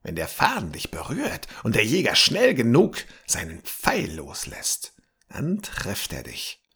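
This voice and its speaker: Man playing an old bearded man, grumbling, slow, gravelly voice, husky, grave warnings. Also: on the low side, huge pitch swings, a bit bright, voice pushed up, heavily acted. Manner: slow, grave warnings, sometimes dropping to a whisper.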